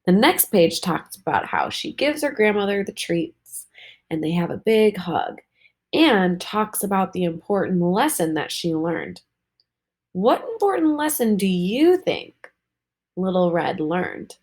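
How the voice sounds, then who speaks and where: Expressive woman teacher reading a story. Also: lowish voice. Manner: expressive storytelling, clear and slow. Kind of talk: reading a storybook aloud to students.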